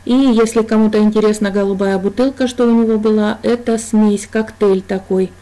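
A woman giving a slow, hesitant, apologetic voice-over commentary for her vlog. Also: medium pitch, steady tone, mellow, rough recording. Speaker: vlogger and translator.

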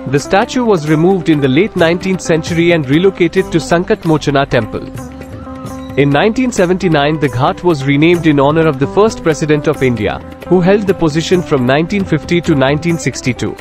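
A man giving a scripted travel narration in an even, informative guidebook manner. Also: on the high side, brisk, over music. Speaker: travel vlogger.

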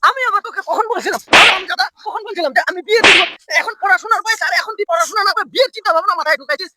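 Lady doing an angry dad yelling at his son, fast, lots of noise behind. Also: extremely high pitch. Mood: scolding. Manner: shouting, scolding, repeats insults. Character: angry father scolding his failing son. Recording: loud noisy background.

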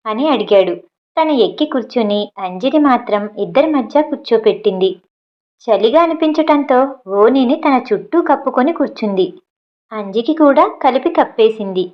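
A woman narrating a storybook in a steady, expressive reading voice. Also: on the high side. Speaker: audiobook narrator. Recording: dull lo-fi audio.

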